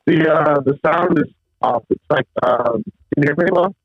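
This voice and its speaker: A man's voice: on the high side, normal speed, narrow, tinny audio, crowd noise. A man, a fighter and guest, talks casually while his video-call audio breaks up and sounds garbled. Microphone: remote video call.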